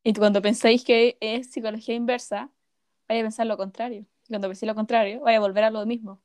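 A young Chilean woman with a high, bright-sitting voice, tossing out slang and jokes in an easy chat. The recording is dry and close, with no room sound. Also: flat delivery, fast, smooth, no room sound. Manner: joking, slangy, laughs often. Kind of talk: casual chat.

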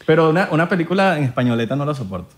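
A man from Venezuela, chatting casually in an animated, emphatic way and often repeating himself. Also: fairly high pitch, very fast. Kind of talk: casual chat.

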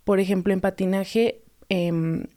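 In a casual interview, an animated Mexican woman who coaches roller skaters and founded a skating club tells stories while acting out the voices she quotes. She speaks with a Mexican Spanish accent in a medium-pitched voice at a slightly slow pace.

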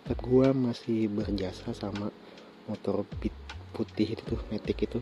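A man in his twenties with a Jakarta accent and a lisp hosts a casual solo podcast, telling personal stories in an informal, halting way with indistinct articulation. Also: lowish voice, fairly even intonation, noisy background. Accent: Jakarta Indonesian. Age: 20s. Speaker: podcast host. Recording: dull lo-fi sound, faint music behind.

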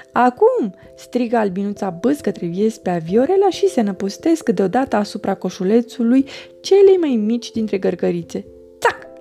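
Expressive woman reading a storybook. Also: fairly high pitch, gravelly.

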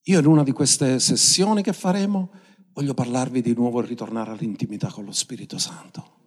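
A man preaching a sermon with passion, his voice climbing high for emphasis. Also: fairly quick, a little mellow. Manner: impassioned, pitch swinging up for emphasis. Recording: long hall reverb.

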